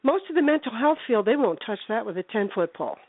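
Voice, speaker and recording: A woman from New Jersey talks as a guest in an emphatic, chatty storytelling way, often repeating herself. Her voice sits a bit high. It comes over a dry, narrow phone connection. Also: sing-song, quick pace, dry recording. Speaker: guest paranormal investigator. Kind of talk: casual storytelling chat. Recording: dry, tinny phone line.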